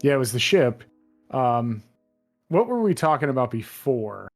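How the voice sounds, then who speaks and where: A man's voice: mid-range voice, big pitch swings, a little slow, faint music behind. A young man in casual chat with his brother, rambling as he retells scenes from a game. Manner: rambling, retells scenes with put-on voices and laughs. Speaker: co-host.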